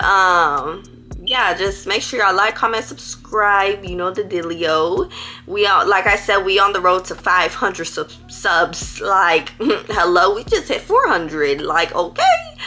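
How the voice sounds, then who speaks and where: A woman's voice: mid-range voice, sharp tone. A teenage girl, giving school advice in a rambling, playful, chatty vlog. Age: teens. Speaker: vlogger.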